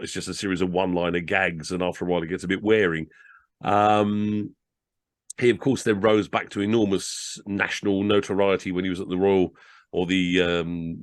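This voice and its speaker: Low-voiced animated male storyteller. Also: no echo. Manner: animated, jumps into high voices, chuckles. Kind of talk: story reading and casual commentary.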